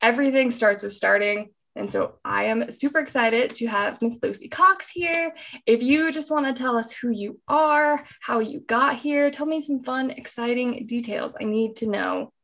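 Woman, American accent, podcast host, bubbly, raised pitch, some vocal fry. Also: normal speed, fairly bright tone. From United States. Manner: bubbly, enthusiastic. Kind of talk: casual podcast chat.

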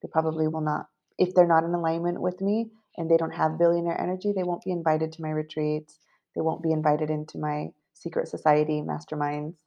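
A woman's voice: deep voice, flat delivery, brisk, vocal fry, mellow, muffled recording. A woman guest on a podcast interview, speaking with confident, assured, spiritual phrasing. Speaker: guest, business coach.

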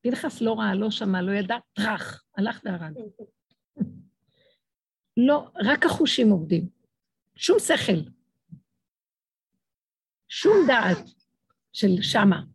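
Impassioned middle-aged woman with a gravelly voice. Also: lively intonation, pauses often, no echo. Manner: impassioned, acts out dialogues with swinging pitch. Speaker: religious speaker. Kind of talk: emotional religious talk to an audience.

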